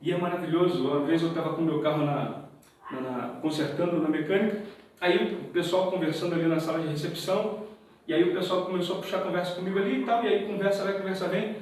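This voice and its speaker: A man with a Brazilian accent giving a testimony to a church congregation, telling his story in a lively way and acting out the dialogue. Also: sits high, fast, a little hiss or hum. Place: church hall. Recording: very echoey hall, mic far off.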